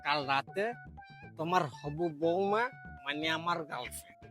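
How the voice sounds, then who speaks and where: A man's voice: a little high, normal speed, sharp tone, soft background music. A man playing a frustrated, boastful young drinker in a comedy skit, telling crude matey stories. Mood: sheepish confiding. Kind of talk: broad comedy skit acting.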